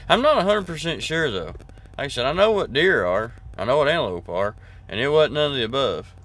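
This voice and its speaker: A man with a mid-range, fairly bright voice talks casually to a camera held at arm's length from his parked truck cab. The trucker vlogger rambles in an easygoing way, full of fillers and restarts.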